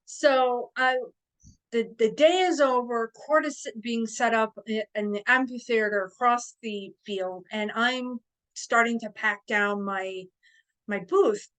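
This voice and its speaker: A woman guest on a podcast who talks slowly and haltingly, often pausing to search for words. Her voice sits a little higher than most. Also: fairly bright tone, clear, resonant tone, low-quality recording. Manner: hesitant, with many fillers and restarts. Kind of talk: casual interview chat.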